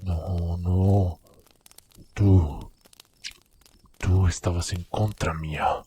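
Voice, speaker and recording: A man voicing a delirious, bitter young man who accuses his brother in halting, repeated phrases, breaking into breathy harsh whispers, in a dramatic horror story. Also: sits low, steady tone, mellow, slight background noise, pitched below the performer's own voice. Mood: bitter, accusing.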